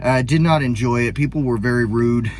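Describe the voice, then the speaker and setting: A man's voice: medium pitch, fairly quick, a little hiss or hum. A man from the US Pacific Northwest giving casual spoken commentary as a vlogger, rambling and hesitant, full of ums and self-corrections. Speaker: vlogger reacting to a finance show.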